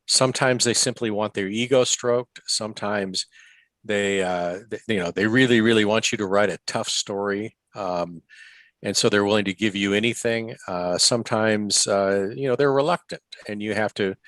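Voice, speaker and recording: Guy journalist, deep voice, plain matter-of-fact talk, dry close sound, pauses with um a lot. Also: a bit bright, no room sound. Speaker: investigative journalist. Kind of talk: webinar talk.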